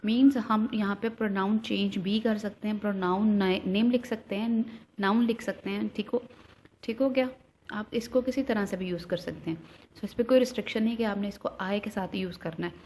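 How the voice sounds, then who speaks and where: A woman teaching an English grammar lesson at a medium pitch. She reads each English example slowly and deliberately, then explains it at an ordinary pace. She sounds like a patient online tutor. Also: steady tone, darkish tone, slight background noise.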